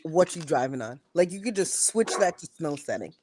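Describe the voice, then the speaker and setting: A woman's voice: deep voice, expressive, normal speed, mellow, slight background noise. A woman on a casual chat panel, sarcastic and teasing.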